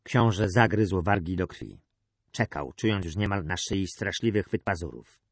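Low-voiced male audiobook narrator. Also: moderate pace, no room sound, studio quality. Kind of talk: scripted narration.

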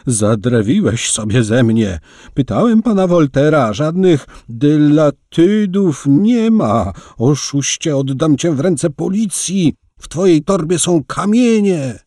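Man playing a greedy old innkeeper, loud and raised high, husky storybook voice. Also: big pitch swings, slow pace, dry recording, clean studio sound, exaggerated voice. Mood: furious. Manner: shouting, accusing. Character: bellowing old male innkeeper, greedy and suspicious.

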